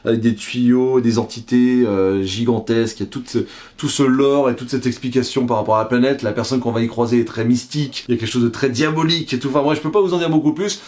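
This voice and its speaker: A man's voice: medium pitch, quick pace, darkish tone. A man casually reviewing comic books on a vlog, joking, swearing and breaking into silly voices.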